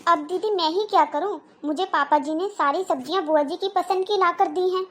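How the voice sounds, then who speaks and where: High-voiced polite young housewife, patient, cartoon, woman doing the voice. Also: a little fast. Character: patient hardworking young daughter-in-law. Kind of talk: cartoon voice acting.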